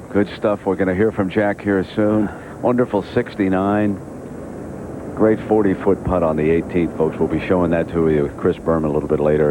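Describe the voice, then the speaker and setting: A male golf commentator with a very low voice anchors a live television broadcast. He calls the play as it happens, over loud outdoor background noise.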